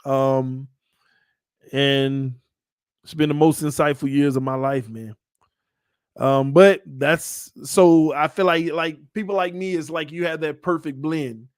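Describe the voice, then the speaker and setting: Candid thirty-something man, slightly high voice. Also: slow pace, clear, resonant tone, dry recording, studio quality. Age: 30s. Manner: candid, laughs often, many fillers and restarts. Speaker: channel host. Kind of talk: casual personal storytelling.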